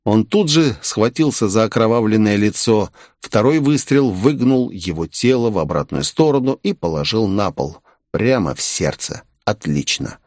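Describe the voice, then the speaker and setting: A man's voice: on the low side, animated, normal speed, few pauses, a little mellow, dry recording, studio quality. A man reading an audiobook in the first person, curt and cold. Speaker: audiobook narrator. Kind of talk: audiobook narration.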